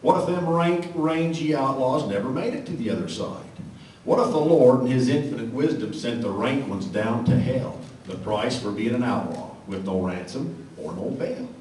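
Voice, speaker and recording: A man's voice: medium pitch, lively intonation, moderate pace, darkish tone. A man with a Western American cowboy twang reciting cowboy poetry to a live audience in a folksy, drawling way with dry humor. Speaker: cowboy poet. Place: large echoey room with a live audience. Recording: echoey hall from far off, faint noise.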